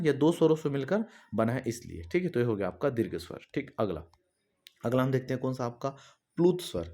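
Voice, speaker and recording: A man's voice: mid-range voice, a little mellow. A man teaching an exam-prep grammar lesson, asking questions and answering them himself, checking in often with his students. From Chhattisgarh. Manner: explanatory, repetitive, asks and answers own questions; addresses students directly with fillers like "है ना".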